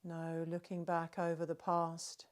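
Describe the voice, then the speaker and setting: Here a woman narrates a guided meditation to help listeners relax. Soft and soothing, her somewhat low voice holds very steady, unfolding very slowly in short phrases with long gaps between them.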